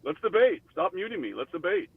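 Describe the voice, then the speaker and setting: A man's voice: sits high, very animated, brisk, slightly rough. A man calling into an online debate, his audio tinny as if in a tin can, combative and repeating himself insistently. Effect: tinny, tin-can sounding audio. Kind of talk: heated call-in debate. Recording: tinny phone-like call line.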